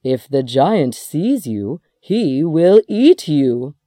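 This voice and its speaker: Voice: mid-range voice, very animated, very slow, warm tone, no room sound, clean studio sound. Giant's wife in a storybook, anxious and urgent, played by the narrator.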